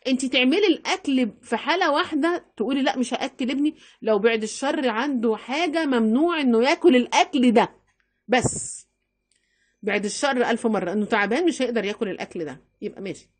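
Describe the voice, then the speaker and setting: A middle-aged woman with an Egyptian accent giving chatty, animated household money-saving advice, repeating herself for emphasis. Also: on the high side, fast talker. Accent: Egyptian Arabic. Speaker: home-economy vlogger. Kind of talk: casual advice talk to camera.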